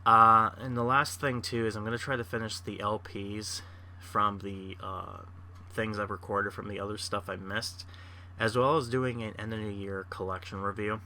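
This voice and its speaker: A man hosting a gameplay channel, chatting casually in a rambling way with plenty of pauses and restarts. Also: fairly low pitch, steady tone, bright, forceful tone. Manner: rambling, lots of uh fillers and restarts.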